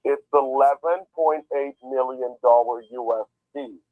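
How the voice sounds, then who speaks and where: A man calling on the phone as a supposed attorney, pushing his pitch and often checking "all right?". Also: fairly even intonation, a little slow, no room sound. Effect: heard over a phone call. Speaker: phone caller posing as an attorney. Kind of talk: pressuring sales-style phone pitch.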